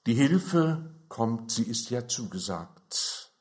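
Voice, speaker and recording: A man delivering a sermon at an unhurried, deliberate pace. His voice sits at an ordinary pitch and he leans hard into the key phrases with growing fervor. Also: very animated, darkish tone. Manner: slow, emphatic preaching with rising fervor. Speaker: preacher.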